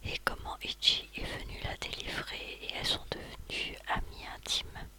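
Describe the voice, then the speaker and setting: Someone speaking in a soft ASMR library whisper, recounting things as a host in a halting way with pauses. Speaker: ASMR video host recounting favourite books and films.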